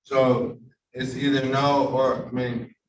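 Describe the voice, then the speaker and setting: Taking it slowly, a man with a mid-range voice and little pitch movement presides as judge over a remote hearing, formal, polite and full of hesitations. The distant room mic gives roomy courtroom audio with a faint hum.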